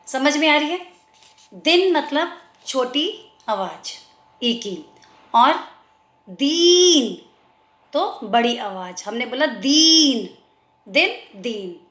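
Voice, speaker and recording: High bright-voiced woman teaching slowly. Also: echoey room. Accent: Indian. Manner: slow, drawn-out pronunciation of example words. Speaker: Hindi teacher. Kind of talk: children's language lesson.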